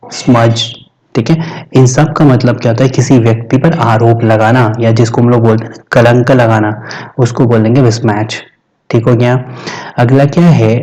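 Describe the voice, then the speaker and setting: Indian man teaching vocabulary, mellow voice. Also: medium pitch, rough recording. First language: Hindi. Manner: repeats and quizzes, frequent "theek hai" check-ins. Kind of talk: exam-prep vocabulary lesson.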